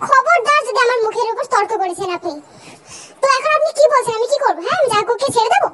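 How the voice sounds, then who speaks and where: A woman's voice: extremely high pitch, animated, a little hiss or hum, full character voice, rough recording. Woman doing a sassy, bossy young wife. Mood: indignant. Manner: sharp, sassy, quick comebacks. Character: bossy young wife fielding angry phone calls. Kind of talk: comic fan dubbing.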